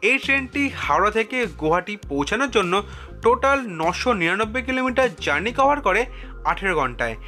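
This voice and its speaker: Male narrator, high voice, bright tone, measured reading, faint music. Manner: even, measured, reads facts and figures. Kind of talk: scripted voice-over narration.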